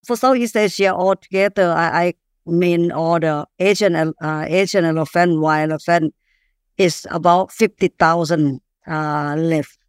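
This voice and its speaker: A woman from Thailand with a Thai accent, answering interview questions as an activist in halting, non-fluent English. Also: lowish voice, fairly even intonation, clear, resonant tone, dry recording, clean studio sound. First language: not English. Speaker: animal rights activist, interview guest.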